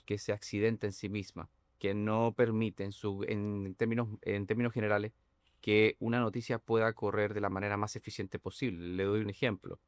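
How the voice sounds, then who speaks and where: A man who is a guest on a political talk show, explaining communication strategy in a measured, analytical way with frequent hesitations. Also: fairly low pitch, smooth, no echo. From not Dominican, living in the Dominican Republic for years.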